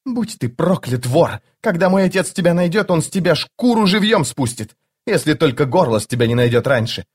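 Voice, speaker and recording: A man voicing a sharp-tongued, haughty young noblewoman in an audiobook, speaking with scorn. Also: fairly high pitch, big pitch swings, moderate pace, voice pushed up. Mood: scornful. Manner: scornful, scolding.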